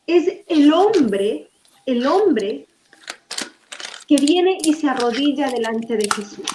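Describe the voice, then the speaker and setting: A woman preacher teaching from the Bible in a lively, conversational way, asking her audience questions. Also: high-pitched, roomy sound, dull audio.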